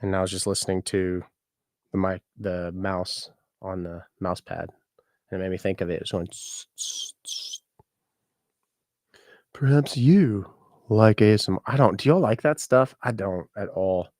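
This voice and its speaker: Chatty man with a low voice. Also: moderate pace, a little mellow, dry recording, clean studio sound. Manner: rambling, chatty, self-deprecating. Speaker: musician and content creator. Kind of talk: casual vlog chat.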